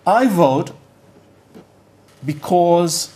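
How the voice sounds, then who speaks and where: An older professor, whose first language is Yiddish, gives a conference lecture in a blunt, conversational manner, often stopping to find words and repeating himself. His voice is high-pitched and mellow with lively intonation, delivered extremely slowly.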